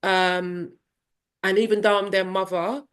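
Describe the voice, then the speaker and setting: A woman's voice: medium pitch, unhurried, clear, resonant tone. A woman in her fifties, a parenting coach, telling her personal story in an interview in a candid, reflective way and acting out family voices. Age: 50s. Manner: animated, acts out family dialogue in voices.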